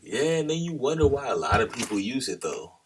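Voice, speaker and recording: A man's voice: medium pitch, big pitch swings, fairly quick, recorded from a distance, slight background noise. A man talking casually to the camera in a loose, slangy monologue that drifts off on tangents. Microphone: camera held at a distance.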